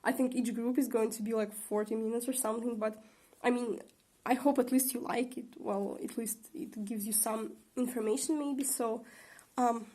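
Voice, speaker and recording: A woman's voice: on the high side, steady tone, normal speed, warm tone. Chatty young woman, slightly sick voice. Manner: rambling, chatty, many fillers and laughs. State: recovering from a sore throat, voice a bit shaky. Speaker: tarot reader and channel host. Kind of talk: casual tarot reading vlog.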